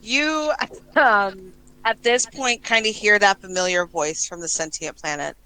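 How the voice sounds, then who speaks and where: A woman running a tabletop game, narrating casually in a halting, conversational way. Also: medium pitch, bright, forceful tone, rough recording. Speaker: game master.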